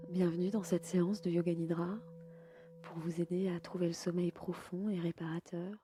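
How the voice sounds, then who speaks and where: A woman leading a guided yoga nidra sleep meditation in a slow, soft and soothing way. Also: lowish voice, little pitch movement.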